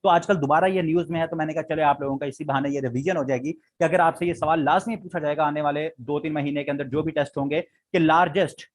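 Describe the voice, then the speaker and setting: A man's voice: on the high side, steady tone, fast talker, few pauses. A man with a Pakistani Urdu accent teaching a current affairs lesson for exam prep. He repeats key facts and quizzes his students as he goes.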